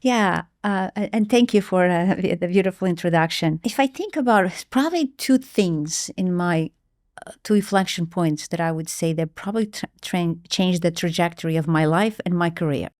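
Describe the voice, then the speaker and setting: A woman's voice: on the low side, normal speed, darkish tone. A middle-aged woman from Portugal, telling her life story earnestly in an interview, with hesitant restarts. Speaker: guest, marketing executive.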